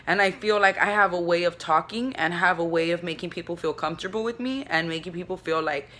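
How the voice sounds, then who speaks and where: A woman's voice: lowish voice, fast, a bit bright. A young woman vlogging from her bed into her phone, chatting in a rambling, profane way full of "like". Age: young adult. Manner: rambling, profane, filler-heavy with constant "like". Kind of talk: casual confessional chat. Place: in bed at home. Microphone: phone camera.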